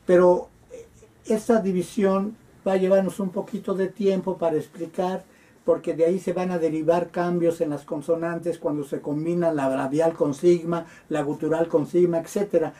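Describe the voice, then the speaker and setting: A man lecturing on Greek grammar, patiently spelling out word forms with frequent hesitant pauses. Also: on the high side, flat delivery, dark tone. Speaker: Greek teacher.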